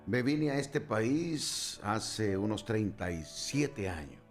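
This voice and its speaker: A man from Honduras, a guest pastor, telling his personal testimony in an interview, relaxed and storytelling with asides. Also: on the low side, slow pace, faint music behind.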